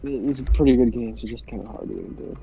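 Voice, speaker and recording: Soft music plays behind a young man chatting with a friend through his phone's voice chat, his voice stuffy and congested with phone-quality sound. Mid-range with huge pitch swings and vocal fry, he talks fast but rambles hesitantly, restarting often.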